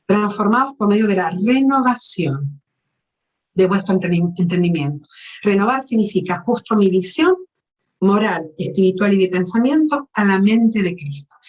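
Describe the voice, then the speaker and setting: A woman's voice: medium pitch, low-quality recording. A woman preaching a teaching sermon at a women's meeting, asking her listeners questions and explaining Greek words.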